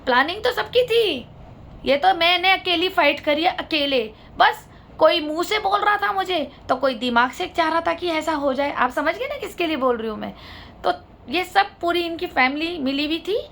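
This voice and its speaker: A woman's voice: very high-pitched, expressive, normal speed, vocal fry, a bit bright, slight background noise. A woman vlogger telling her own family story to viewers, indignant and asking them to judge. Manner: indignant, appeals to viewers for their judgment.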